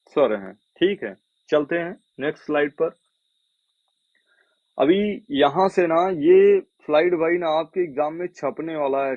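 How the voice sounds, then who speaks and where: A man's voice: on the high side, no room sound. A male Hindi teacher giving an exam coaching lecture, drilling students by asking questions and answering them himself. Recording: tinny phone-like dry sound.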